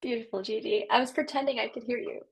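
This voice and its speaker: A woman with a trained soprano voice leads a voice workshop over a video call. She talks in a chatty, upbeat way, full of encouragement and relaxed fillers. She sounds like a coach guiding a group. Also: a little high, fast, slightly rough. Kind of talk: online voice workshop instruction.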